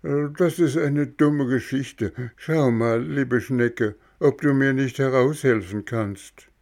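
A man's voice: medium pitch, takes it slowly, darkish tone, voice pushed up. A man voicing an impatient, shivering wooden puppet boy who pleads urgently in a storybook reading. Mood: pleading.

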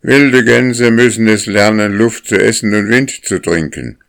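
Guy doing a stern old mother goose leader from a storybook, firm and curt, gravelly. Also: on the low side, unhurried, fairly bright tone, no room sound, clean studio sound, pitched above the performer's own voice.

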